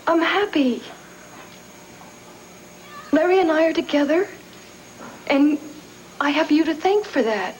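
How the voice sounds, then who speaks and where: A woman's voice: sits high, expressive, slow pace, pauses often, slight background noise, low-quality recording. An actress playing an earnest woman explaining her decision with heartfelt sincerity in a soap opera. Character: grateful young woman, earnest and relieved.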